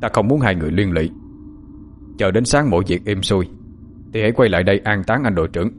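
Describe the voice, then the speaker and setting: A man's voice: fairly low pitch, fast, a little hiss or hum, lightly acted. A man playing a grave middle-aged mandarin father in an audiobook, giving solemn, urgent instructions. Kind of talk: audiobook character acting.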